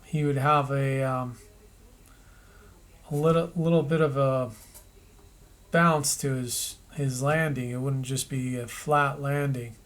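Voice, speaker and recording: A man narrating an animation tutorial, thinking aloud as he works, with pauses and restarts. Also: medium pitch, little pitch movement.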